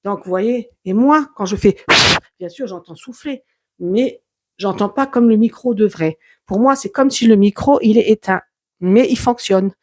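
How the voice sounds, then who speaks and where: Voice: mid-range voice, measured pace, a little mellow. A vlogger at home talking casually through a clip-on lapel mic on a phone, rambling with many fillers and restarts while walking between rooms. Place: home, moving between office and sewing room. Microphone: clip-on lapel mic plugged into a phone.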